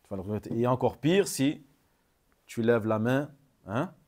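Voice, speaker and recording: A man's voice: mid-range voice, lively intonation, normal speed, a little mellow. A man giving a religious lesson, repeating key phrases for emphasis and mixing in short Arabic phrases. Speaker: Islamic teacher. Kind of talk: religious lesson commenting on a hadith text.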